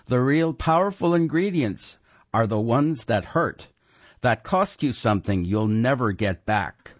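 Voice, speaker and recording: Here a man plays a gruff, merciless old wizard reduced to a talking severed head, bellowing commands in archaic, rustic speech. His pitch is medium and his delivery animated yet unhurried. The lo-fi recording sounds dull, with no room sound.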